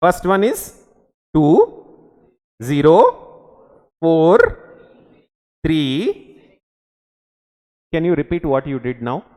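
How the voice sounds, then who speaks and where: A man's voice: fairly high pitch, very animated, drawn-out words, long pauses, darkish tone. A man in his forties with a Telugu Indian English accent, teaching a class in short instructional phrases with frequent check questions, in a reverberant room. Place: indoor teaching studio or classroom.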